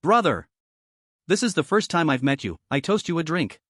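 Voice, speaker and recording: A handsome young man, friendly and eager to meet his elder brother, read by a male narrator. The voice leans high and sounds dry and close. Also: big pitch swings, moderate pace, fairly bright tone, no echo.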